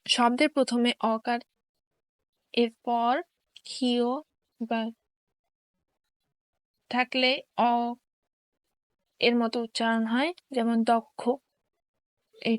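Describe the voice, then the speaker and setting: A woman teacher slowly reading grammar rules and examples in a careful, dictation-like way. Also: fairly high pitch, little pitch movement, smooth, no room sound.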